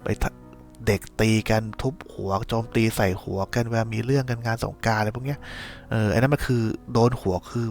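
Man, low voice, rambling slangy recap, faint music behind. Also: fairly quick, creaky, a little mellow. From Thailand. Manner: rambling, slangy, many restarts. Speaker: podcast host recapping a series. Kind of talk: casual spoiler recap chat.

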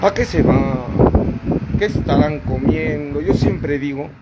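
Slow, preachy Peruvian man ranting. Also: lo-fi sound. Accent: Peruvian Spanish. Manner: dramatic and preachy, swinging between mumbling asides and sudden high outbursts. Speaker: live video streamer. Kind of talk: ranting live monologue. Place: outdoors by a noisy street with passing vendors. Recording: live phone video with loud street noise. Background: loud street noise, horns and passing vendors.

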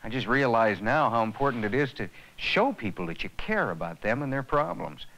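Earnest man with a lively, expressive voice. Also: medium pitch, brisk, rough recording. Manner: earnest, reflective, lively intonation. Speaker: lead character in a training film. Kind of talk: 1980s educational film acting.

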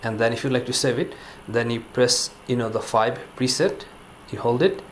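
An ordinary-pitched man gives a casual hands-on demo of a gadget, rambling in a relaxed way and saying "you know" and "uh" often. He is off-screen in an indoor room at a moderate pace, with faint hiss beneath his voice.

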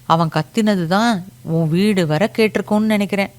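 A woman's voice: mid-range voice, normal speed, a little mellow, close to an everyday voice. A woman voicing a flustered young village woman who talks her way past a neighbor's questions in a storybook reading. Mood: evasive. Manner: flustered, brushing things off. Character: Lakshmi, anxious young village woman covering up.

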